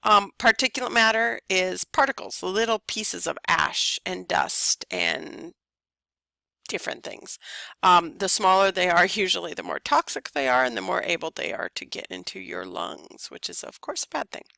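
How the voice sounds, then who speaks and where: A woman's voice: mid-range voice, normal speed, creaky, sharp tone, no echo. A woman teacher giving a casual recorded lecture over slides, tired and yawning, with lots of ums. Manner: casual, chatty, many ums.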